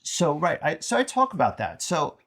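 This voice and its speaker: A man's voice: fairly high pitch, huge pitch swings, moderate pace, a bit bright. A middle-aged man, a podcast co-host, talking reflectively in a casual chat and thinking aloud with many fillers.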